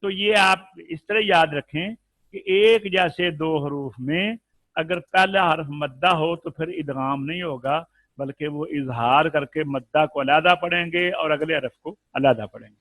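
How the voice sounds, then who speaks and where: Bright-voiced man teaching Quran recitation. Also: fairly high pitch, dry recording. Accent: Urdu. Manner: explains patiently, then chants examples slowly. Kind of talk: live tajweed lesson with recited examples.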